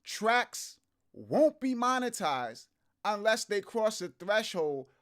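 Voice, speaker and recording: A man with a notably high voice hosts a casual live news commentary. He is feeling a bit sick and pushes on anyway. His delivery is informal and conversational, addressed straight to the viewers. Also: very animated, slow, fairly bright tone. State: under the weather, feeling sick. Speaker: host of music business channel.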